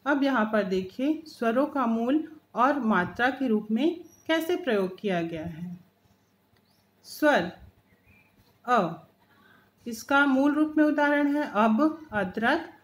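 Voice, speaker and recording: A woman's voice: fairly high pitch, animated, slow. A woman teacher giving a recorded grammar lesson to children, speaking carefully and drawing out each example sound.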